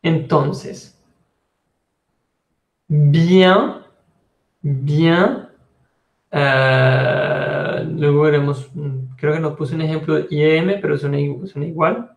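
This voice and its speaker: A man's voice: fairly high pitch, fairly even intonation, measured pace, creaky, echoey room, muffled recording. A man teaching a language lesson, patiently explaining pronunciation and repeating each sound over and over. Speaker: French teacher.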